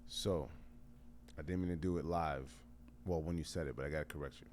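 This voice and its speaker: A man who grew up in Canada and Texas, a musician guest talking casually in an interview with a relaxed, slangy manner and frequent fillers. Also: very deep voice, fairly quick, a little hiss or hum.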